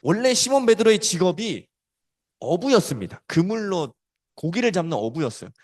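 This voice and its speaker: Animated man preaching to children. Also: high-pitched, moderate pace. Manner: animated storytelling, swings between loud and soft. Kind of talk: storytelling sermon for children.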